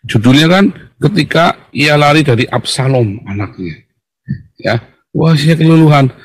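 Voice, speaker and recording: A man's voice: medium pitch, creaky, breathy edge. A man preaching a blunt, emphatic sermon over a video call, speaking directly to his listeners.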